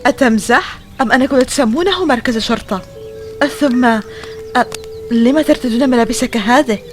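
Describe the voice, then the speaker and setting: A woman's voice: a little high, moderate pace, a little mellow, faint music behind, close to an everyday voice. A woman in her twenties playing a puzzled modern young woman lost among ancient Romans in an audio drama. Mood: bewildered. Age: 20s. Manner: puzzled, questioning.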